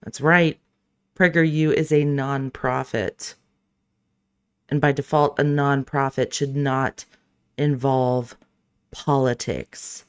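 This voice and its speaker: Sarcastic reaction host, mocking the clip, swears a bit, mid pitch. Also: steady tone, takes it slowly, long pauses, clear, resonant tone. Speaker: host of a reaction commentary show. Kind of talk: casual sarcastic reaction commentary.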